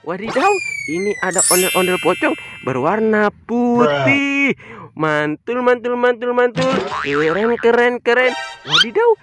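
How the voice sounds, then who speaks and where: Children's presenter, kids' party magician manner, lively swooping pitch, repeated exclamations, music behind. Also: measured pace. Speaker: children's toy video presenter. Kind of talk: excited kids' video commentary with catchphrases.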